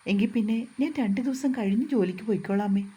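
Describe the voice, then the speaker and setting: A woman voicing a feisty, sharp-tongued young wife in a storybook reading, answering back with quick, indignant retorts. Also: medium pitch, slightly rough, lightly acted. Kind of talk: storybook narration.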